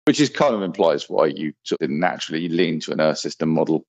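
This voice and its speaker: A man's voice: lively intonation, quick pace, gravelly, no echo. A man hosting a podcast, asking blunt, probing questions in a conversational way. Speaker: podcast host, interviewer. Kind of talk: conversational interview. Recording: dry, muffled low-fidelity audio.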